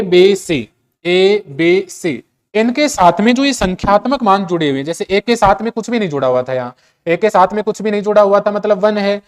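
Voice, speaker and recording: A male chemistry teacher with a Hindi accent explains a method step by step. His voice sits a little high and sounds smooth and resonant. He keeps repeating the key points and quizzing his students with rhetorical questions. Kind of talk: classroom lecture.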